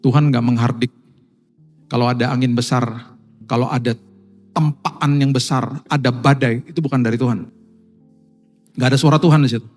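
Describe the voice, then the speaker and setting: A male pastor with an Indonesian accent preaching a sermon to his congregation, swinging between hushed, intimate passages and loud, emphatic ones. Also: medium pitch. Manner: addresses congregation as Bapak Ibu.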